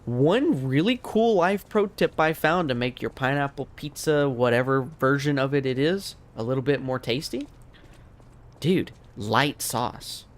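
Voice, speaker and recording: On a late-night gaming stream, this American streamer and language teacher talks casually with his viewers, worn out and with his voice fading. He speaks a little slowly in a mid-range voice, relaxed and rambling as he addresses the audience.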